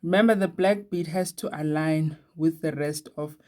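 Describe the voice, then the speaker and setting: A woman's voice: low voice, moderate pace, a little mellow. A woman hosting a casual beadwork tutorial, chatty and laughing at herself now and then. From Eswatini. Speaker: beading tutorial host.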